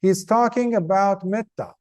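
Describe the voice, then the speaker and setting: A man, a Buddhist monk, giving an earnest, conversational Dhamma talk to a group, tired, with emphatic stresses and pauses. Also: high voice, darkish tone.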